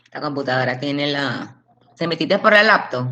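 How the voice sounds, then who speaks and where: A woman hosts an online session over a video call, greeting attendees one by one in a relaxed, chatty way. Her voice sits a little low but sounds bright and forward. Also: moderate pace, muffled recording. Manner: chatty, welcoming, with soft laughs. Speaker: host of an online talk.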